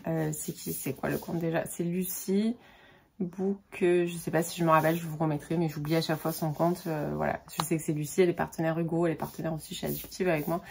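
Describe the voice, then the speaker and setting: A woman's voice: sits low, level tone, quick pace, vocal fry, a little mellow, a little hiss or hum. A woman book vlogger chatting casually about her reading, talkative with many fillers and restarts. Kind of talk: casual chat about books.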